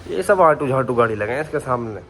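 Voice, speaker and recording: A man's voice: medium pitch, animated, fast talker, fairly bright tone. Young man, joking vlog banter, phone mic, noisy street. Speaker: vlogger. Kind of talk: casual vlog chat.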